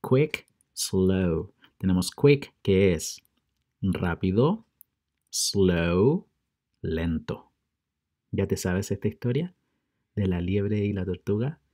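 A man teaching English words to children, repeating each word pair slowly and stressing how to say it. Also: low voice, lively intonation, mellow. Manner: drills word pairs with slow, careful repetition; stresses English pronunciation for learners. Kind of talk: bilingual vocabulary lesson for children.

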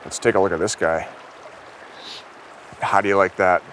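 A man in his thirties hosting an outdoor fishing show, wading in a small river and talking in an upbeat way that gets excited when a fish bites. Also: low voice, normal speed, slight background noise.

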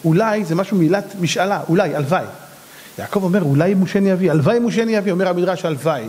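High-voiced rabbi telling a lively sermon. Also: male voice. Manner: animated storytelling, acting out voices.

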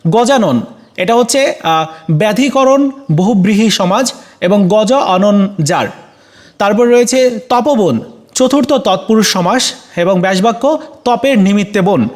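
A man with a Bangladeshi Bengali accent walks students through exam answers in a casual way, with fillers and self-corrections. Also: high-pitched. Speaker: teacher.

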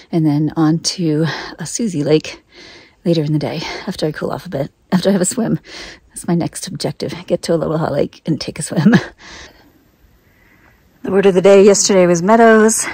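A woman's voice: lowish voice, no echo. A middle-aged woman talking into a phone held at arm's length on a mountain trail, chatty and upbeat, hot and tired from hiking. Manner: chatty, upbeat, laughs often. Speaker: hiking vlogger. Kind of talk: casual trail vlog.

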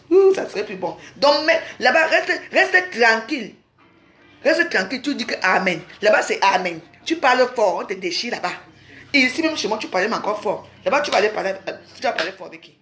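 A woman's voice: medium pitch, expressive, quick pace, fairly bright tone. A woman from Cameroon, ranting angrily on a home live stream, scolding and repeating herself. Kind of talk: angry live-stream rant. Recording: roomy echo.

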